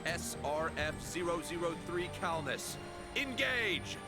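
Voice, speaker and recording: Commanding higher-pitched starship officer. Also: male voice, lively intonation, slow pace, over loud music. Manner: authoritative, giving orders. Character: commanding officer of a spaceship launch crew. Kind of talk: English video game voice acting.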